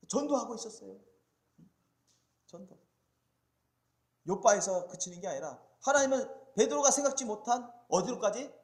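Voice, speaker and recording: A man, a pastor, preaching a sermon to his congregation. He asks them questions and calls for responses, swinging between loud emphatic peaks and quiet low asides. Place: church sanctuary. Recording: echoey church sanctuary.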